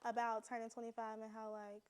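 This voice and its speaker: A woman in her twenties hosts a podcast in a friendly, curious way, asking open questions and agreeing often. Her voice sits a bit higher than most. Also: completely flat delivery, brisk, darkish tone, smooth. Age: 20s. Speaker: podcast host. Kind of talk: casual interview chat.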